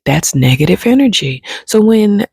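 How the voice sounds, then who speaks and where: A woman's voice: medium pitch, very animated, moderate pace, creaky, a little mellow, slightly rough, dry recording. A woman giving a reflective spiritual talk, musing unhurriedly and turning emphatic and jokey with casual slang. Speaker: spiritual advice speaker.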